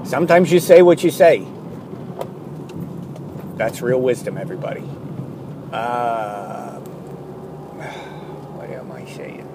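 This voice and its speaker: A man delivering a rambling, self-deprecating comic monologue, jumping between loud bits and low mumbled asides. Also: lively intonation, slow pace, long pauses, noisy background.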